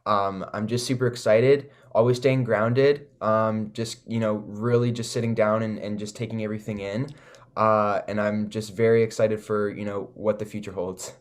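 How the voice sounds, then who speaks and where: A young recording artist from Toronto, Canada, speaks with a Canadian accent as an interview guest, chatting casually and earnestly while leaning heavily on "like" and "you know". His voice is lowish, with a steady tone and moderate pace.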